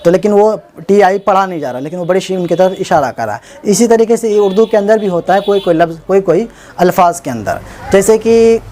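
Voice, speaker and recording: A man teaching Urdu script online, spelling out each word slowly letter by letter and checking in often with the viewer. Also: high-pitched, darkish tone. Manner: slow spelling out letter by letter, repeating words; informal, self-correcting, many "theek hai na" check-ins. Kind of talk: online writing lesson.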